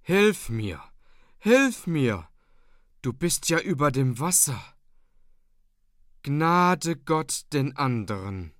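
A man's voice: very animated, very slow, long pauses, a bit bright, no echo, clean studio sound, exaggerated voice. A man doing a shrieking dying old woman. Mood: shrieking terror. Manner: shrill desperate cries.

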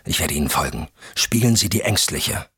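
A man's voice: low voice, expressive, normal speed, pushed and bright, breathy edge, dry recording, clean studio sound, exaggerated voice. A man voicing an urgent, determined hunted man. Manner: urgent, clipped instructions. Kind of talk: audiobook character voice.

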